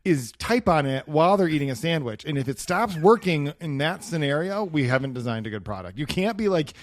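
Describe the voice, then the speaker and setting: A man in his forties co-hosting a casual tech talk show, quick and opinionated. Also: fairly high pitch, expressive, dry recording, clean studio sound. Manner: quick, opinionated, acts out quotes. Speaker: podcast co-host.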